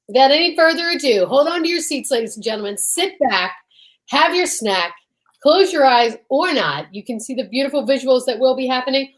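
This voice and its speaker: A woman with a slightly high voice co-hosts an old-time radio podcast, chatting casually and introducing the show in a gushing, theatrical way.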